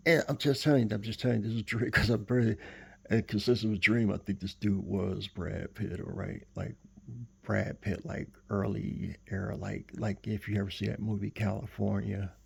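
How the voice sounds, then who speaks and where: A man telling a dream story in a casual, rambling way, halting and correcting himself as he goes. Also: fairly low pitch, vocal fry, a bit bright, breathy edge. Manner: rambling, halting, full of fillers and self-corrections. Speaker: vlogger recounting a dream.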